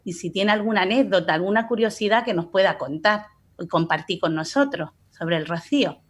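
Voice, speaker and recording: A woman in her forties from Málaga, a listener calling in to ask a question, speaking with enthusiasm and a little hesitation. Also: on the low side. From Málaga, Spain. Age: 40s. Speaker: listener caller. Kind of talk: call-in question.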